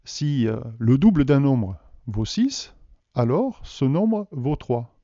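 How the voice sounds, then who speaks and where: A man from France teaches a math lesson to video viewers. His voice is very dark and mellow, and his delivery is patient and explanatory as he poses questions. The recording is dry and dull. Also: mid-range voice, big pitch swings, slow pace, dry recording.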